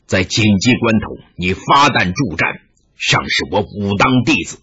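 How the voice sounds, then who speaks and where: A man voicing a stern older Taoist elder who speaks low and commanding. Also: animated, a little slow, bright, forceful tone, breathy edge, dull audio, full character voice. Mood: grave.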